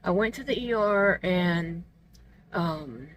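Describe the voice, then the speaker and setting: A woman's voice: on the low side, lively intonation, takes it slowly. Toothless, gummy-sounding woman vlogging, noisy room. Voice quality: toothless, gummy articulation from not wearing teeth. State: feeling unwell. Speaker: vlog host. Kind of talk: casual personal vlog chat.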